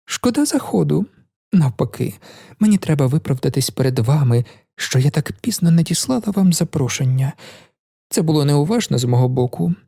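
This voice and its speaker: A proud, cold young woman speaks with cool, impatient mockery, as a male reader puts her on. The voice sits higher than a man's usual, still gravelly and husky underneath. It is a storybook reading. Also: expressive, moderate pace, warm tone, no echo, studio quality, heavily acted. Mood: mocking.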